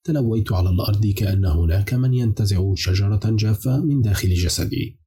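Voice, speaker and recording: A man narrating a dark novel as an audiobook in a measured, somber storytelling manner. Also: lowish voice, slightly rough. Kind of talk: scripted dramatic narration.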